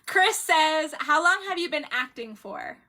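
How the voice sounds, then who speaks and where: A bubbly woman from Florida co-hosts a casual interview, gushing over her guest's stories. Her voice is high and bright. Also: very animated, slow pace. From Florida, USA. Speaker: podcast co-host.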